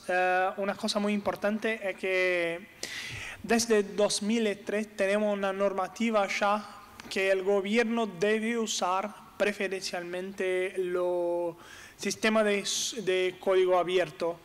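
A Brazilian man in his thirties with a Brazilian Portuguese accent gives a conference talk on stage, seated at a table in a large brick-walled hall. His voice sits high, and he is halting, hesitating often and searching for words with many fillers. A desk microphone on a stand picks him up, and the hall adds long reverb.

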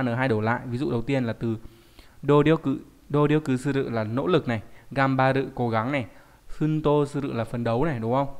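In an online Japanese class, a man with a plain, middle-pitched, somewhat dark voice explains the material step by step. Along the way he keeps asking rhetorical questions to check in.

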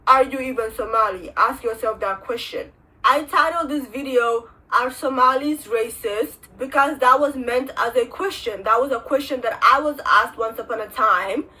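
A woman's voice: fairly high pitch, pushed and bright, rough recording. A young woman from Kenya talking frankly to camera, telling a personal story and giving her opinions in an earnest way. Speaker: vlogger. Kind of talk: direct-to-camera commentary. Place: indoors, small room.

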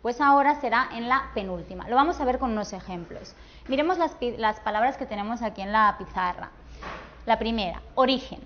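A woman with a Peninsular Spanish accent teaching a grammar lesson, saying example words slowly and clearly. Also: on the high side. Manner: slow, clear, drawn-out pronunciation of example words. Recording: dull, lo-fi sound.

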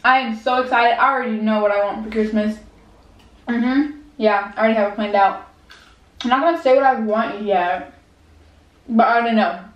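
A woman's voice: a little high, normal speed, long pauses. Cuban-born girl talking with mouth full. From Cuba. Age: about 12. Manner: chatty, hesitant, lots of "like" fillers. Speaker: vlogger. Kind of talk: casual mukbang Q&A. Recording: roomy, distant, dull lo-fi sound.

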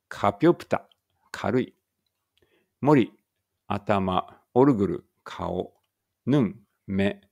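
A man from an English school slowly reading Korean vocabulary aloud with Japanese meanings, stumbling now and then and adding small asides, with a trace of an Ibaraki accent. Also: fairly low pitch, gravelly, a little mellow. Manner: reads each word then its meaning, with small slips and asides. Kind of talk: slow read-aloud vocabulary practice.

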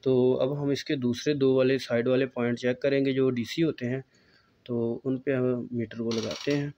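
A man, calmly explaining a step-by-step electronics repair at a workbench, recorded on a phone filming his hands. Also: medium pitch, moderate pace. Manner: calm, explanatory, pointing things out. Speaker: repair technician.

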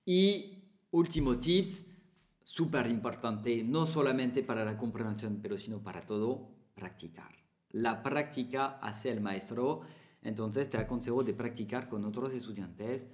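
A man's voice: mid-range voice, unhurried, a little mellow. Chatty teacher man. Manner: chatty, repeats phrases, small Spanish slips. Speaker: French teacher. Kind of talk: casual spoken lesson to camera.

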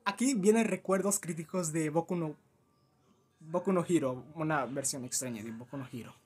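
A young adult host rambling casually through a reaction video, using lots of fillers and imitating the characters in quick mock voices. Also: medium pitch, darkish tone, slightly rough. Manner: rambling, full of "como que" fillers and mock quoted voices.

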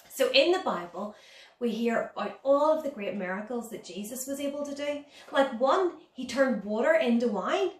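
A woman in her thirties, her voice on the high side and a bit bright, teaches a children's Sunday school lesson, explaining things simply and asking the young listeners questions. She's indoors in a home dining room. A phone camera a couple of metres away picks her up, giving a roomy, distant sound.

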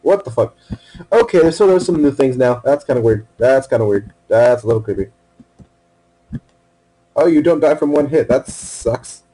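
A man playing a video game alone in a room at his computer, wearing headphones, talking to himself with casual commentary, swearing and bursting into sudden excitement. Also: medium pitch, moderate pace, pauses often, poor audio. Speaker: let's play gamer.

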